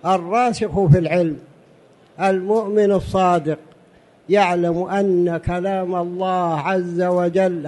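High-voiced man teaching in formal standard Arabic. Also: mellow. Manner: didactic, deliberate, with repeated phrases and rhetorical questions. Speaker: religious teacher addressing a study gathering.

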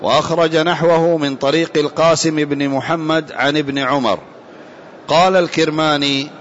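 A man reading a classical commentary aloud in a lesson, measured and formal, with careful vowelling, in a muffled lo-fi recording. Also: a little high, slight background noise. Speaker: student reading the text aloud.

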